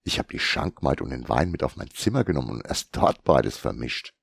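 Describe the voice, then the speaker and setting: A man's voice: rumbling low, sing-song, fairly quick, vocal fry, slightly rough, no room sound, exaggerated voice. A man voicing a cheeky, carefree young female mercenary who jokes flippantly, in an audiobook. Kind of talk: audiobook character reading.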